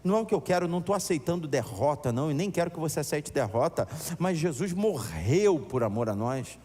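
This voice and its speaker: A man preaching a sermon as pastor, animated and acting out voices in his stories. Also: on the high side, fairly quick. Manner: animated, acts out voices in anecdotes. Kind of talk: storytelling sermon. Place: church. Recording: echoey church hall.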